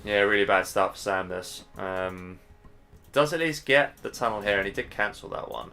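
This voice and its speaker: A man with a low voice casts a strategy game live, chatting casually and reasoning out loud about each move. He sounds a bit worn out. Faint game music plays underneath. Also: normal speed. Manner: chatty, casual, thinking aloud. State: tired, yawning. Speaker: game caster.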